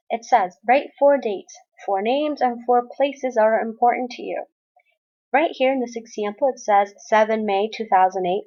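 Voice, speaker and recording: A Spanish-speaking woman with a fairly high, slightly mellow voice teaches a college English class in a recorded screen-share lesson. She walks through exercises step by step, and the audio sounds dull.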